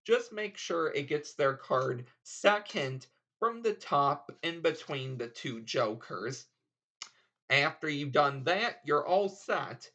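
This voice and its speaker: A man's voice: a little high, bright, forceful tone, lo-fi sound. A man presenting a casual card trick tutorial, explaining step by step in an informal way.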